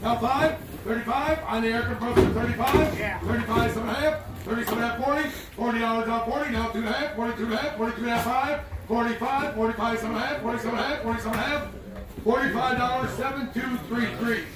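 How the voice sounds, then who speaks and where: A man working as an auctioneer, calling bids in a rapid, repetitive chant and urging buyers on in a folksy way. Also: very high voice, crowd noise. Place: live auction sale, off the mic. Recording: distant, echoey, clearly noisy live auction.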